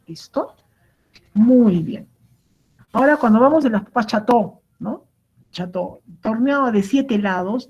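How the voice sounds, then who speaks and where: Woman, culinary instructor, husky voice, gravelly edge, explanatory lecture. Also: mid-range voice, darkish tone, rough recording. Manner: explanatory, keeps asking "¿correcto?" and "¿no?"; many fillers and restarts. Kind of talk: online cooking lecture.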